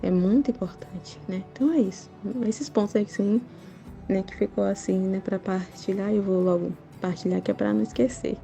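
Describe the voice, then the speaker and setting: A woman's voice: mid-range voice, fairly even intonation, normal speed, vocal fry, mellow, soft background music. A middle-aged woman sharing a religious testimony in a casual, earnest, rambling way, tagging nearly every sentence with a questioning "né?". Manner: repeats "né?" often, earnest and rambling.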